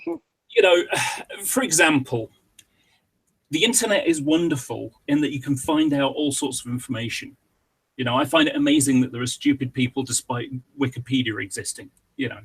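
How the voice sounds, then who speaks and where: A man's voice: mid-range voice, normal speed, husky. A British man guesting on a podcast, chatting casually and rambling off on tangents. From Britain.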